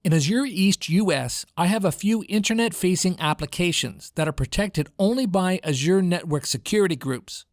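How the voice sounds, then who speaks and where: A high-pitched, expressive American man with a General American accent narrates a scripted product demo from his home studio, enunciating clearly in an instructional style. He keeps a moderate pace with hardly any pauses, and the recording has no echo.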